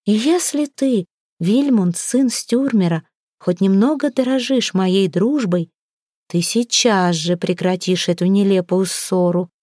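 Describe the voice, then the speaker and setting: A woman's voice: mid-range voice, measured pace, darkish tone, dry recording, studio quality, close to an everyday voice. A woman reading the part of a firm, protective young woman, a healer who stands up for her patient. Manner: indignant, firm.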